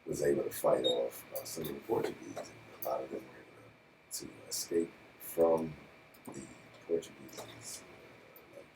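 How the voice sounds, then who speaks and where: A man co-hosting a radio talk show, easygoing and quick to laugh and joke. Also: extremely low pitch, fairly even intonation, reverberant, far from the mic, background noise. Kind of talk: casual radio chat.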